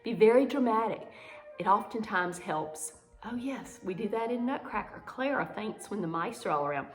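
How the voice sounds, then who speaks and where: A woman with an animated, medium-pitched voice talks at a normal speed as she leads a video lesson in pantomime and ballet. She shows each movement with dramatic emphasis. The room echoes, and music can be heard.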